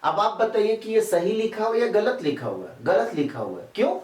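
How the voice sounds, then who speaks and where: A man's voice: high-pitched, big pitch swings, moderate pace, darkish tone. Male teacher, rhetorical questions, distant mic. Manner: repetitive, quizzes students with rhetorical questions. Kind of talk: classroom chemistry lecture. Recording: echoey room, mic far off.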